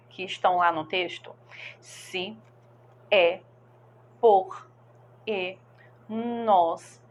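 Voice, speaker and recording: A woman's voice: medium pitch, slight background noise. A woman teacher patiently explaining a grammar lesson to her students, often checking that they follow.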